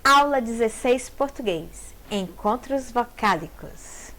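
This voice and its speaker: Woman teacher, slow deliberate pace, slightly high voice, sounds out syllables, rhetorical questions. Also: expressive, a bit bright. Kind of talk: grammar lesson.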